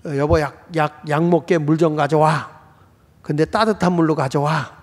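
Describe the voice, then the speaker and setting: A man voicing a dying old husband, quoted in a low, slowed voice within a sermon. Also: fairly even intonation, natural voice. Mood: demanding. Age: older. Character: dying old man, gruff yet tender. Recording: reverberant church hall.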